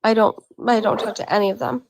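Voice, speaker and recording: A woman's voice: a little high, steady tone, fast talker, creaky, a crowd in the background, rough recording. A woman from Massachusetts talking bluntly in a casual video-call chat, swearing freely. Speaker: guest.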